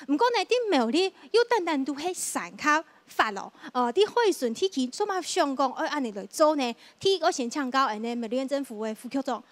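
A woman with a high voice and a Taiwanese Hakka accent hosts a studio panel discussion. She talks with frequent pauses and fillers. The sound is dry and close. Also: big pitch swings, dry recording. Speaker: talk show host.

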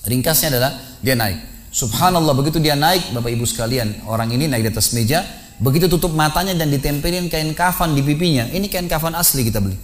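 A man preaching a sermon in a mosque, telling a story with quick, emphatic delivery. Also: on the high side, lively intonation.

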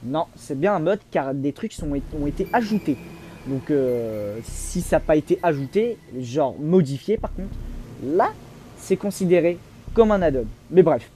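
A young man giving casual let's-play commentary, chatty, restarting his sentences, with excitable bursts. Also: fairly high pitch, unhurried, a little hiss or hum. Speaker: gaming YouTuber.

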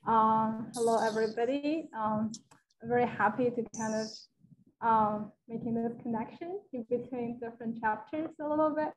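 A woman's voice: on the high side, moderate pace, a little hiss or hum, poor audio. A young woman from China giving a casual talk on a video call, hesitant, with many fillers and restarts. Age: young adult. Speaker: guest speaker. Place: living room with a large wall mural. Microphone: video call, laptop camera.

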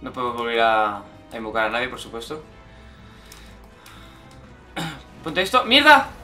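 A young man with a Spanish accent from Spain, commenting on his gameplay, excitable, shouting and swearing at the game. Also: mid-range voice, unhurried, faint music behind. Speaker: gameplay streamer.

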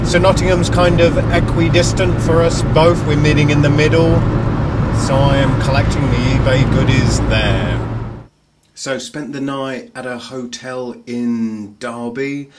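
Cheeky English vlogger, thirties, unhurried delivery, clear hum of road noise behind him. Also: male voice, medium pitch. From England. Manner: chatty, enthusiastic, cheeky. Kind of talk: casual vlog to camera. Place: inside a car while driving. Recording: road noise in moving car.

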